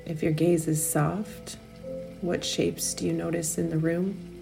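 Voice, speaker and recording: Over music, a woman leads a meditation in a fairly low voice with heavy creak at the edges. Her intonation stays fairly even as she speaks very slowly and soothingly, leaving long pauses between gentle instructions.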